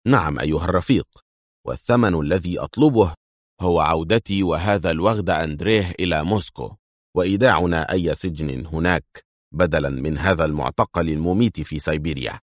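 A man voicing a composed secret agent hero who speaks calmly and with dry mockery. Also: deep voice, brisk, no room sound. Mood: calm, sardonic. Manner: calm and dryly mocking. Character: calm, sardonic male secret agent hero.

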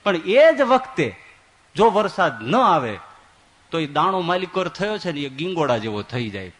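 Swami preaching, lively storyteller. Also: male voice, a little high, normal speed. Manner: storytelling with voiced quotes, swings from loud to soft. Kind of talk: sermon.

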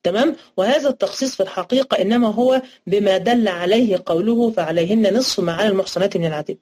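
Egyptian-accented female teacher, mid-pitched, patient step-by-step explainer who asks and answers her own questions. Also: fast talker, warm tone. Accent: Egyptian Arabic. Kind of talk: interactive religious studies lesson. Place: online class recording.

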